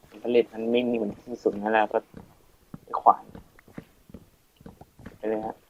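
A man's voice: fairly low pitch, monotone, a little slow, muffled recording, a little hiss or hum. A teenage boy casually talking through a game tutorial, thinking aloud and muttering as he plays. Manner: chatty, thinking aloud, counting and muttering while playing. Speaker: Minecraft let's play host. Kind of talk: casual gameplay tutorial commentary.

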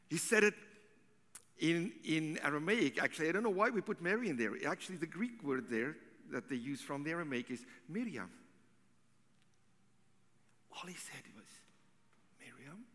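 A male pastor preaching a sermon, swinging between loud declarations and hushed near-whispers. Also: a little high. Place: church sanctuary. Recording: long church reverb.

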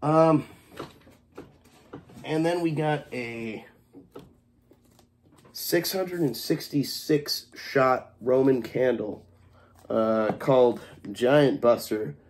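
In a casual unboxing vlog, a young fireworks vlogger shows off his haul in a small home kitchen, coughing and sounding congested. His mid-range, slightly mellow voice moves extremely slowly with long pauses. Laid-back, he curses freely and scolds his cat.

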